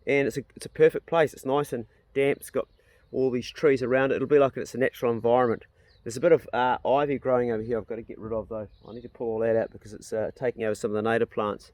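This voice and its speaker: A man's voice: mid-range voice, steady tone, fast talker, a little mellow, no room sound. A man with a broad New Zealand accent chatting casually to his vlog, plain-spoken and rambling as he thinks aloud. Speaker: vlogger and landowner. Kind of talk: casual outdoor vlog chat.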